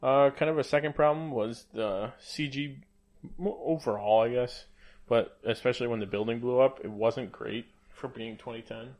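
A man co-hosting a relaxed movie review podcast. He speaks at a middle pitch, laughs a lot, and jumps into higher voices when he acts out lines from films. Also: moderate pace. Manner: laughs often, acts out quotes. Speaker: podcast co-host. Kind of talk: casual movie review chat.

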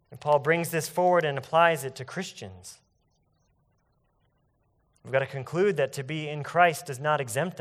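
A man preaching a sermon in an earnest, emphatic way, slowing down to stress key phrases. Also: mid-range voice, fairly bright tone. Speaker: pastor.

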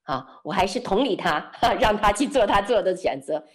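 A woman, telling a personal story in an interview. She speaks softly, often drops close to a whisper, acts out both sides of a conversation and laughs lightly now and then. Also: medium pitch, expressive, normal speed. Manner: soft-spoken, often dropping to a near whisper; reenacts dialogue, laughs lightly. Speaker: interview guest.

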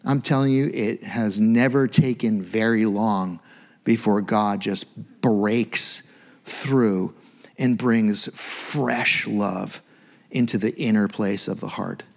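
A man's voice: lowish voice, steady tone, slow, vocal fry. A middle-aged man preaching a sermon as a pastor, fervent and exhorting, in an informal, conversational way with repeated phrases for emphasis.

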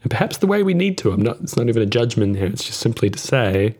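A man hosting a podcast in reflective, thoughtful conversation. His voice sits a little low and he talks gently. His delivery is calm and measured. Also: slightly rough. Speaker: podcast host.

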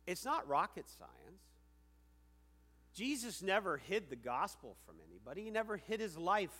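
Male pastor with a slightly high voice, preaching emphatically with questions to the congregation; long reverb of a church hall. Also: sing-song, normal speed, a bit bright. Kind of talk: sermon.

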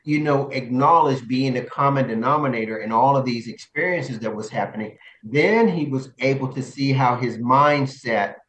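A man coaching and co-hosting, telling stories in a casual chat, animated and laughing often. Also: medium pitch, normal speed, hardly any pauses, reverberant, recorded from a distance. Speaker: coach and podcast co-host.

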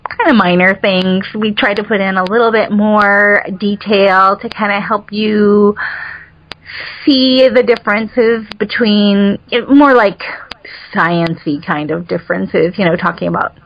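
A woman's voice: mid-range voice, steady tone, unhurried. A woman, a novelist being interviewed, talking casually about her book with lots of fillers and frequent laughs. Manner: chatty, laughs often, many fillers. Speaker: novelist guest. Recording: muffled lo-fi audio with faint noise.

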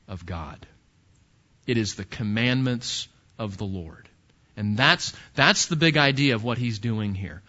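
A pastor delivers his sermon in a high, bright voice, talking with the congregation rather than at them. The recording is dull and muffled. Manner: conversational, asks the congregation questions.

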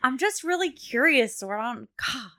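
A woman's voice: high voice, animated, unhurried, bright, forceful tone. A woman playing a tabletop game, giggly and casually swearing. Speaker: player.

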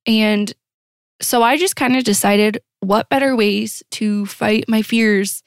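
A woman's voice: mid-range voice, slow, no echo, clean studio sound. A young woman telling a candid, self-deprecating personal story to camera, with many restarts. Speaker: vlogger.

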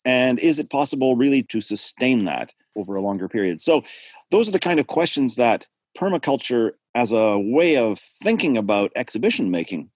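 With a medium-pitched voice and no room sound, a man takes part as a guest in a discussion over a home video call. He is an art theorist speaking at length and reflectively, in a lecture-like style that is thoughtful, digressive, and lively in intonation.

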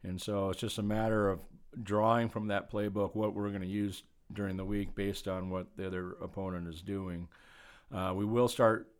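Deep-voiced plainspoken football coach. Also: male voice, normal speed, smooth. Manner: relaxed, plainspoken, many fillers. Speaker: high school football coach. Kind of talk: casual interview answers.

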